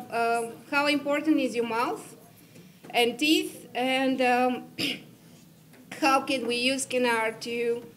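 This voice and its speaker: A woman from Bulgaria, a dentist giving a conference presentation, hesitant with many fillers and losing her voice as she keeps clearing her throat. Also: high-pitched, fairly bright tone.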